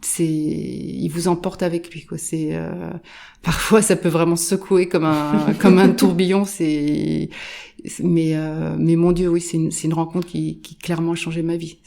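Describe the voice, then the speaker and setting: Gravelly-voiced woman, animated and halting. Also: sits low. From born in Morocco, raised in Nairobi and London. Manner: animated, many restarts and repeated words. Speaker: guest, photographer. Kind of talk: casual interview conversation.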